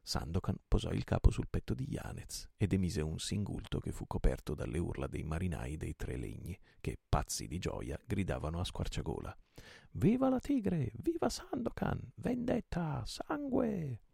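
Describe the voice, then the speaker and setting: A man reading an adventure novel aloud at night with lively, dramatic narration. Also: extremely low pitch, moderate pace, creaky, few pauses, husky, no room sound, clean studio sound. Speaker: audiobook reader.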